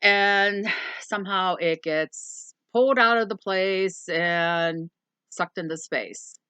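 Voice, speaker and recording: A woman's voice: mid-range voice, slow, pushed and bright, clear, resonant tone, dry recording. A woman co-hosting a movie review, casually summarizing the plot in a rambling way with lots of ums. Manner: rambling, with frequent ums and plain swearing.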